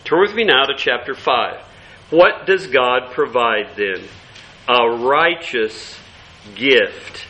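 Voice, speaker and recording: A man preaching a sermon in an earnest, emphatic way, slowing down to stress key words. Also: mid-range voice, very animated, pushed and bright, echoey room, poor audio.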